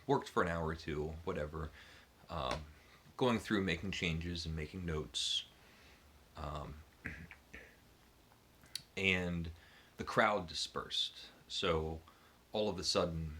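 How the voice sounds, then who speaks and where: A man's voice: low-pitched, sharp tone, slightly rough. A man hosting his book channel, casually telling a personal story to the camera with many ums and restarts. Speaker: booktube channel host.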